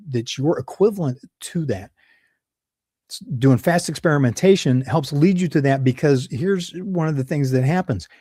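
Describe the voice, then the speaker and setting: A man's voice: mid-range voice, warm tone, breathy edge, no echo, studio quality. A man with a Midwestern accent hosting a solo leadership advice talk, conversational and prone to digressions and self-corrections. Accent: Midwestern American. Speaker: leadership channel host.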